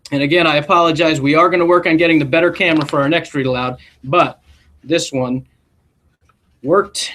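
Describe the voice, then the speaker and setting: With a fairly high-pitched voice, a man reads aloud from a picture book to schoolchildren, principal-style. He narrates in an expressive, deliberate way and drops in the occasional short aside.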